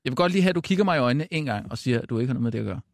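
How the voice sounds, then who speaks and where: An actor playing a defensive, flustered male radio colleague in satirical comedy, halting and insistent, prone to swearing. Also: mid-range voice, expressive, no room sound, studio quality, natural voice. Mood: insistent, aggrieved.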